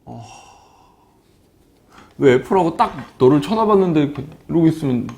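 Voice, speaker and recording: A male math teacher lecturing a classroom, his pitch a little high and very lively, bouncing up and down. He keeps things chatty, calling on students by name and joking between points. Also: measured pace, gravelly, a little hiss or hum.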